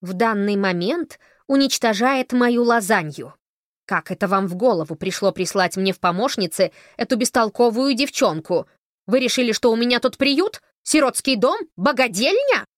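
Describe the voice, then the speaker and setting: A woman reading an audiobook, voicing a grumpy, caustic old woman farmer who scolds loudly. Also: lowish voice, lively intonation, moderate pace, dry recording, studio quality. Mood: indignant.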